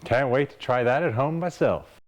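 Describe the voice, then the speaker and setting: A man reads a scripted preview of the next episode as show host in a friendly, even announcing tone. His voice sits at a middling pitch. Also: normal speed. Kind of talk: scripted narration.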